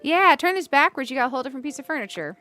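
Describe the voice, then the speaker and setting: A woman's voice: sits high, animated, rapid-fire, pushed and bright, soft background music. A woman streaming a cozy game, chatting casually with viewers and thinking aloud as she decorates, with giggly bursts. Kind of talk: casual gameplay commentary.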